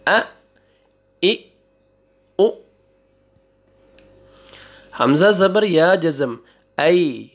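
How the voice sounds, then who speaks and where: A man teaching Quran reading, spelling out syllables slowly one by one, repeating them and correcting wrong readings. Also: fairly high pitch, lively intonation. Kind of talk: slow spelling-out recitation lesson.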